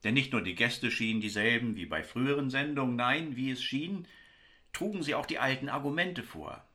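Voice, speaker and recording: A man's voice: medium pitch, normal speed, sharp tone. A man reading a story aloud with wry, ironic narration.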